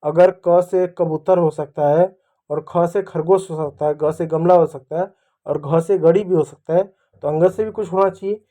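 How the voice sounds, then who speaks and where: High-voiced male teacher, mellow tone. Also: fairly even intonation. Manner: patient, repeats sounds slowly for children. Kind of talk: children's reading lesson.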